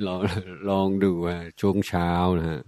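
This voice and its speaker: An older man, a Buddhist monk speaking a language that is not his first, telling a story in a halting, self-amused way with many fillers, often clearing his throat. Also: deep voice, little pitch movement, a little mellow, dry recording. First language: not Thai. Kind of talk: reflective dharma talk storytelling.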